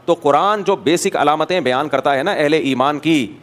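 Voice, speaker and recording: A Pakistani male religious scholar with a somewhat high voice delivers a chatty sermon full of anecdotes. He tells stories in an animated way, acting out dialogues and posing rhetorical questions.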